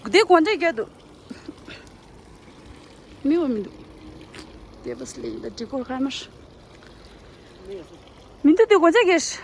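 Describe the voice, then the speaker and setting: A young woman talks on a casual travel vlog in a high, bright-pitched voice. She is chatty, exclaims often and breaks into laughs. Faint outdoor noise sits behind her. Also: very animated, slow pace, long pauses. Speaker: vlogger.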